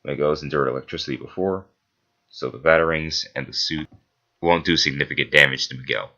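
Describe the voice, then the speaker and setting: Very deep-voiced man, bright forceful edge. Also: fairly quick, dull audio. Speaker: video essayist debunking a versus match-up. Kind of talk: scripted analytical commentary with casual asides.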